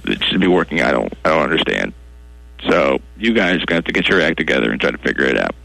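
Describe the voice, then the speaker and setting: A deep, gravelly male tech support guy, as a man acts him out who is hopelessly clueless and quick to take offense. He sighs a lot and sounds baffled by the simplest questions. His voice swoops up and down with a lot of range. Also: sing-song, sharp tone, no room sound, heavily acted, low-quality recording. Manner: slow, baffled, defensive, sighing. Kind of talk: comedy sketch acting.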